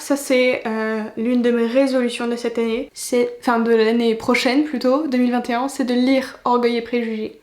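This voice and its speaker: Woman, 20s, high voice, chatty unboxing vlogger, roomy echo. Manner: chatty and enthusiastic, many exclamations. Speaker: booktuber. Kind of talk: casual unboxing chat.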